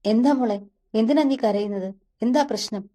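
A woman's voice: mid-range voice, normal speed, warm tone, lightly acted. Woman voicing a caring brotherly young man. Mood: worried, reassuring. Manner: reassuring and anxious.

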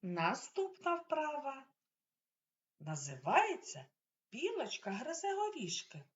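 Slow, lively-voiced woman teaching toddlers. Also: high voice. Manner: slow, exaggerated articulation, coaxing and praising. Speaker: preschool teacher. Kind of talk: speech lesson for small children. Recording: dull lo-fi recording.

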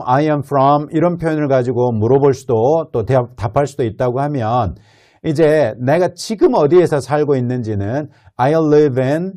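Slow, mellow-voiced male English teacher. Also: mid-range voice. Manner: slow, deliberate English model phrases for repeating; explains pronunciation, drills words in repetition. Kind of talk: spoken English lesson in Korean.

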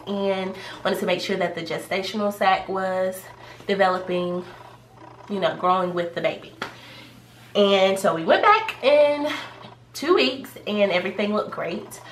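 Slightly congested woman chatting in echoey room. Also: on the low side. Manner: chatty and rambling, many fillers. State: a little congested from a cold. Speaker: pregnancy vlogger. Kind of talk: casual vlog talk to camera. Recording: echoey room, faint background noise.

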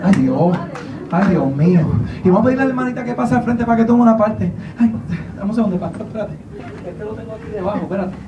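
A man from Puerto Rico with a Puerto Rican accent, preaching a sermon with animated, humorous storytelling. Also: high voice, background noise. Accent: Puerto Rican Spanish. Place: large church hall. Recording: echoey church from a distant mic, dull lo-fi sound.

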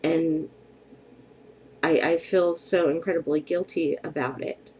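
This personal vlog comes from a middle-aged woman at home in her bedroom, her voice congested by a cold as she speaks candidly and reflectively, hesitating often. She has a low, slightly mellow voice with a breathy edge, fairly even intonation, and a slightly slow pace. Captured on a webcam at desk distance, the recording is low quality.

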